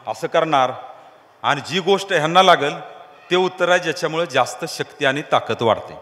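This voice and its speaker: A man's voice: on the high side, fairly quick, fairly bright tone. A man preaching to a crowd, teasing them and asking call-and-response questions. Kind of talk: lively sermon with crowd games. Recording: long hall reverb.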